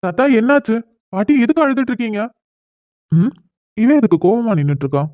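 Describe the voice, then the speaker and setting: A stubborn young grandson from a cartoon family drama, protesting and insistent, voiced by a woman. He speaks quickly, and the recording is dull and lo-fi. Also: fairly high pitch, very animated. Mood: puzzled.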